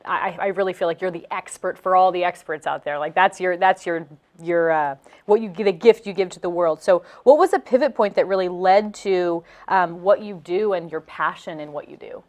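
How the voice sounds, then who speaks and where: A woman's voice: lowish voice, moderate pace. A woman hosting an interview, enthusiastic and encouraging as she asks questions. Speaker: host. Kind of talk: casual interview.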